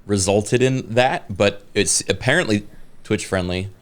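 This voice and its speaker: Deep-voiced man rambling on a podcast. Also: unhurried. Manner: rambling, hesitant with many fillers. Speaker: podcast co-host. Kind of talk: casual chat.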